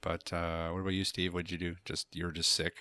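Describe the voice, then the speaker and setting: A man's voice: low-pitched, completely flat delivery, a little fast, pushed and bright, clear, resonant tone, dry recording. A man hosting a podcast in casual chat, curious and full of questions for his co-hosts. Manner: chatty, curious, asks lots of questions. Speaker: podcast host.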